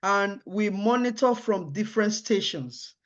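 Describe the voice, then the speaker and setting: A woman's voice: medium pitch, expressive, a little slow. A woman giving formal job interview answers in a hesitant way, repeating and restarting her words. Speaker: job candidate in a mock interview. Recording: dull, lo-fi audio.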